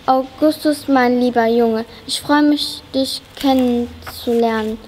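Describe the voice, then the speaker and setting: Excited small old chocolate-factory owner read aloud by a girl, high and unhurried, in a reverberant hall. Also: a little hiss or hum. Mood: delighted. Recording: long reverb of a school hall.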